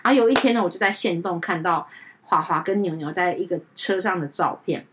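Brief: woman, pet communicator, rapid casual podcast storytelling, lively, voices the people she quotes. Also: noisy background. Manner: animated, acts out quoted dialogue with big pitch jumps.

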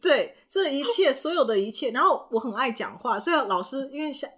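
A young woman co-hosting a casual chat podcast, telling childhood stories with animated acted-out voices and frequent laughter. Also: sits high, brisk, breathy edge. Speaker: podcast co-host.

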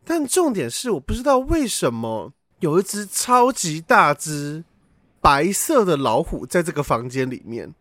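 A quick, high-voiced man tells a story on a casual podcast. His pitch leaps around as he acts out the sounds in the story. The close mic sounds dry and intimate. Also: big pitch swings, fairly bright tone, no room sound. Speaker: podcast host. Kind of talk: casual podcast chat, telling a dream.

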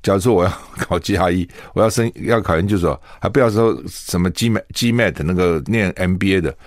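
A man's voice: low voice, a little fast, no room sound, clean studio sound. A man from Taiwan hosting a radio talk show, giving solo news commentary in a chatty way, often asking his listeners rhetorical questions. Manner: chatty, asks rhetorical questions, laughs at own stories.

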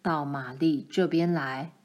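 A woman doing a stern dad, lowered voice, grave and slow. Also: fairly even intonation, a little mellow. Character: stern low-voiced father.

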